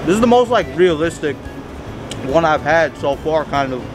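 A young man with a fairly high voice chews and talks through a mouthful of pizza, his words thick and muffled. He keeps it loose and slangy, like a casual vlog. Clear music plays behind him. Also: lively intonation, moderate pace. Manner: slangy, repeats himself. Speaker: food reviewer. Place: outdoors at a gas station.

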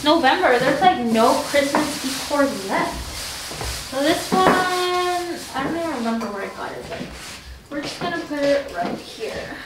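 A woman's voice: high-pitched, lively intonation, a little slow, heavy background noise. A young woman in her twenties chatting casually to camera in a home vlog, upbeat and full of fillers. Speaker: vlogger. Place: home living room and bedroom. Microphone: camera on tripod.

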